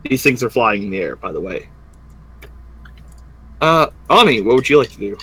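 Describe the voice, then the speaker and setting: A man with a mid-pitched voice runs a tabletop game over group voice chat. He is informal and thinks aloud as the game master. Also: sing-song, normal speed, pushed and bright, slightly rough.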